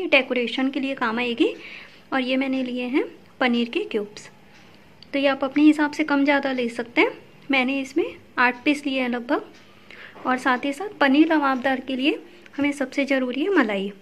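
A woman hosting a home cooking tutorial, walking through each step in a chatty way and often saying "okay". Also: high voice. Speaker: cooking channel host. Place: home kitchen at a gas stove. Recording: echoey kitchen with loud sizzling.

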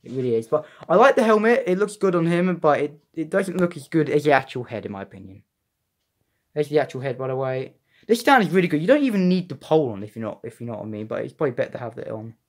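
A young man chatting casually as he reviews a collectible figure, excitable and rambling with frequent restarts. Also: a little high, fast. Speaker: toy reviewer. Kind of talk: casual unboxing vlog.

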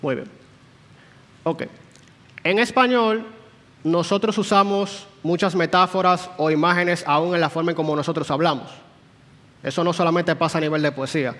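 Guy teaching sunday bible class, high voice, long echo in the church hall. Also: a bit bright. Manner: explanatory, asks the class questions.

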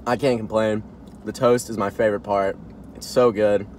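A man's voice: lowish voice, fairly even intonation, normal speed, darkish tone, slight background noise. A young man chatting casually through a mouthful of food, laid-back and enthusiastic as he reviews what he is eating. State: mouth full.

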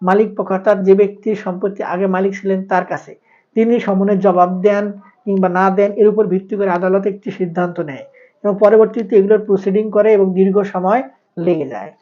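A man from Bangladesh, hosting a channel and explaining land records law in a formal, measured monologue. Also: high-pitched, steady tone. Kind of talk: informative monologue. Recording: dull lo-fi recording.

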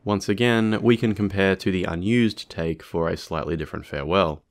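Deep-voiced male narrator. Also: moderate pace. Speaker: video narrator. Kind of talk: scripted explanatory narration.

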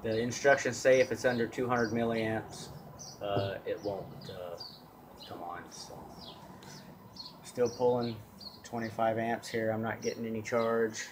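Unhurried and on the low side, a man's voice narrates his own solar equipment test, filmed on a handheld camera. The demo is casual and rambling, with frequent fillers and restarts. A little hiss or hum runs underneath.

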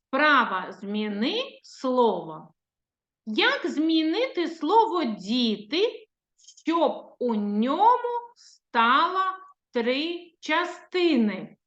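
Woman preschool teacher, Ukrainian accent, high bright pitch, slow patient delivery, echoey lo-fi room recording. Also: sing-song. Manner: slow, sing-song teacherly speech, drawing out words. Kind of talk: recorded lesson for young children. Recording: echoey room, dull lo-fi sound.

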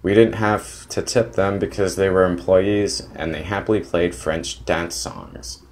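A man's voice: deep voice, fairly even intonation, a little slow, slight background noise. A young man narrating a travel diary in a plain, detailed way, with small restarts. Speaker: vlogger narrating a trip.

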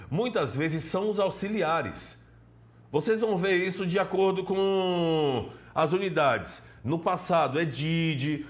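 A man teaching an English lesson in Portuguese with a Brazilian accent, explaining step by step and greeting students by name. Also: fairly high pitch. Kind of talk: televised classroom lesson.

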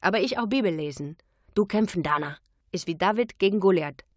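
A woman voicing a slight, kind-hearted male Vietnamese cook who speaks in broken grammar, loud and punchy. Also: on the low side, expressive, a little fast, no room sound, studio quality. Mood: rallying.

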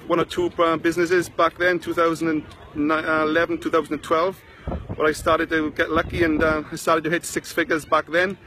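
On a sunny beach, a man in his forties with a South Wales valleys accent talks casually to viewers on a Facebook live, phone held at arm's length. The online marketing vlogger's voice is a little high and fairly bright as he rambles chattily and greets people by name, over slight background noise.

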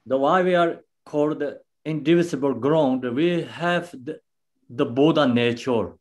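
A man giving a dharma teaching as a Buddhist teacher, explaining patiently in simple, non-native English phrasing, with many pauses and restarts. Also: a little high.

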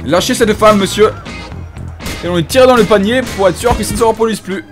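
A man putting on a self-important police inspector for a comedic video game commentary, speaking French-accented with a high-pitched voice. He lectures in a mock-solemn, officious tone, stumbling over hesitant fillers. Faint game music sits in the background. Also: fairly quick, close to an everyday voice. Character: pompous bumbling male police inspector. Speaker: gaming YouTuber.

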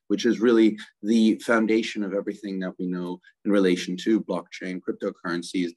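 Middle-aged guy from germany on a video call, lower voice, energetic, keeps saying "right?". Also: poor audio. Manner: fluent, energetic, with many "right?" tags. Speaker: guest, crypto ecosystem co-founder. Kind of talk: casual video-call interview. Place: indoors, virtual office backdrop.

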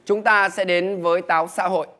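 A man playing an officious celestial game-show host in a satirical stage comedy, announcing formally and briskly. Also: high-pitched, steady tone, pushed and bright, some chatter behind, slight background noise.

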